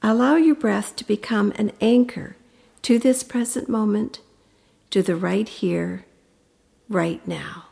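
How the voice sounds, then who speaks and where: This woman's mid-range voice leads a guided meditation, calm and instructive, with pauses throughout. At the close of each phrase her voice grows breathy.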